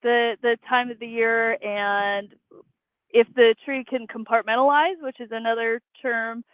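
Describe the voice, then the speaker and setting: This arborist guest speaks in a slightly high voice with fairly even intonation and a somewhat slow pace. She answers interview questions matter-of-factly over remote call audio, which comes through a tinny, dry, phone-like line.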